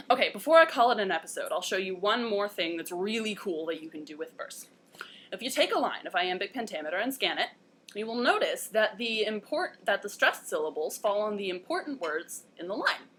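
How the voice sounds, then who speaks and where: Young woman explaining stuff on her vlog, super animated pitch, bright tense voice, chatty and playful. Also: slight background noise. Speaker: host. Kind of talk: casual educational vlog.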